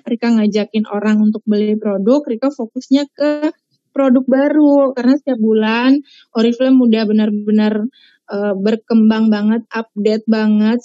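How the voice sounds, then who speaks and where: A woman's voice: fairly high pitch, mellow, dry recording, highs cut off. A woman teaching sales tips in a casual, chatty webinar. She often repeats herself and keeps addressing her listeners as friends. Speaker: sales trainer presenting a webinar.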